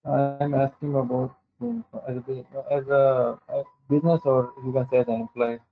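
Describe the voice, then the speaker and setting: A man asks a question in an online session, halting and full of fillers, his microphone distorting and clipping. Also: medium pitch. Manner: hesitant, many fillers and restarts. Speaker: webinar attendee asking a question. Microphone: video call. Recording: dull, distorted online call audio.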